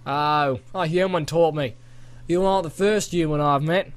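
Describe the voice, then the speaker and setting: A man's voice: on the high side, moderate pace, clear, resonant tone, natural voice. A man doing a chummy dragon with an Australian accent. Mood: cheerful. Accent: put-on Australian. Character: friendly old male dragon, chatty, Australian-sounding. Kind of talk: amateur audiobook character voice.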